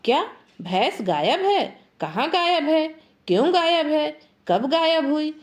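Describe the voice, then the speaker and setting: A woman voicing a quick-tongued, teasing village wife who fires off questions. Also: high-pitched, very animated, a little mellow. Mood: taunting. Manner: rapid-fire questions, sarcastic.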